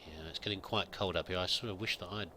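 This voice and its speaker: Over a noisy background, a man with a deep, steady voice talks fast as he roleplays a pilgrim in his let's play. His in-character gameplay commentary is thought out loud, musing and hesitant, full of restarts.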